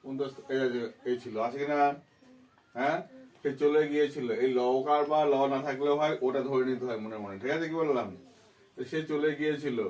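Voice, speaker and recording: A man's voice: medium pitch, steady tone, fairly quick, darkish tone, distant mic. A man with a Bengali accent tutoring a child in English grammar, asking coaxing, repetitive questions. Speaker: teacher.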